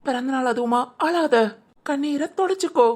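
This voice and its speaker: A woman voicing a repentant middle-aged father in a cartoon, speaking gently and apologetically. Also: high-pitched, moderate pace, lightly acted. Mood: remorseful.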